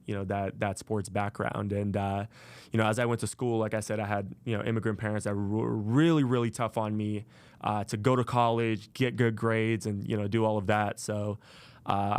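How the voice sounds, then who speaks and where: This solo podcast monologue comes from a twenty-something host from Las Vegas, USA, whose voice is lowish and smooth. He recounts his story in a relaxed way, full of fillers and restarts, and the recording is dry.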